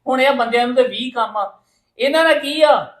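A man's voice: very high voice, moderate pace, low-quality recording. A man playing a visiting brother in a family drama, who jokes and teases as he talks. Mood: teasing. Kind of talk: acted family drama dialogue.

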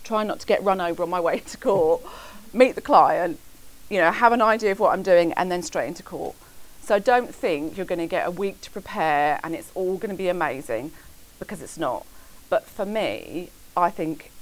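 A middle-aged woman barrister giving frank, animated career advice on a panel in a seminar room. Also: on the low side, low-quality recording. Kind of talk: panel talk to students.

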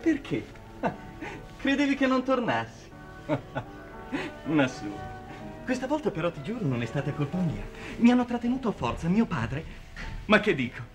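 Naive excitable young man, lively, rather high voice, chatty, faint hiss of an old 1950s TV recording. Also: normal speed, pauses often, over music. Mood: excited. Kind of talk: 1950s television drama acting.

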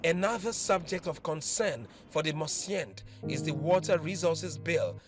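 A man with a fairly high voice reads a news report evenly and formally. Soft music plays under him. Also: animated, unhurried. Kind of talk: scripted news voice-over.

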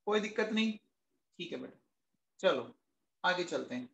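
A man with a fairly high voice teaches a chemistry class at an unhurried pace. He keeps asking his students questions and answering them himself, calling them kids with affection. The sound is roomy and echoey. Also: expressive, gravelly. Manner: calls students "beta" and "bachche" affectionately. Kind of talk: classroom lecture.

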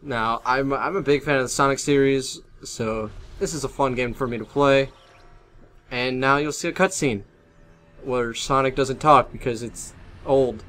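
A man's voice: mid-range voice, a little slow, fairly bright tone. A young man doing let's play commentary, rambling and self-deprecating as he talks over his gameplay. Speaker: gaming commentator.

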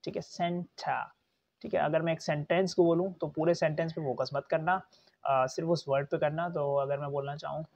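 A young man teaching English pronunciation in a casual spoken lecture, patiently repeating words slowly with chatty asides. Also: fairly high pitch, steady tone, darkish tone. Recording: dull lo-fi recording.

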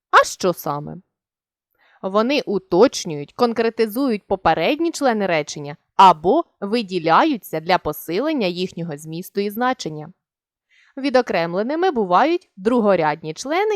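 Woman teacher going through grammar, careful, lots of pitch movement, dry close sound. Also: dry recording. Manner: clear, deliberate teaching delivery with stressed examples. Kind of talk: Ukrainian grammar lesson.

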